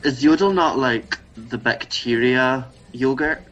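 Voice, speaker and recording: A Scottish drag performer in his twenties chats casually and comedically, playful and self-mocking, laughing often. His mid-range voice is a little slow and a bit bright, and the recording has its highs cut off.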